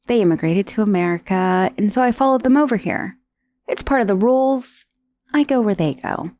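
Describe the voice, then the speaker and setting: A woman plays the severed head of an undead dullahan in an ASMR roleplay, conversational and dryly sardonic, menacing yet wistful, with sighs and hesitations. Her mid-range, darkish voice is animated at a normal speed, lightly acted, with a sheepish, wry mood.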